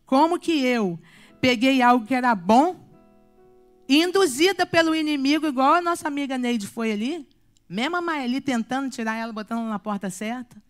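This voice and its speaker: A woman in her thirties from Brazil giving a church testimony, telling her story with animated storytelling and acting out the dialogue. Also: sits high, moderate pace, faint music behind. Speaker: guest speaker giving a testimony.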